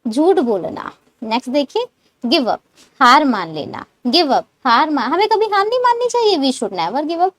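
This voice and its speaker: A woman teaching English words, explaining in Hindi and modelling slow English sentences for learners to repeat. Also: high-pitched, sing-song, no room sound. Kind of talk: spoken English lesson.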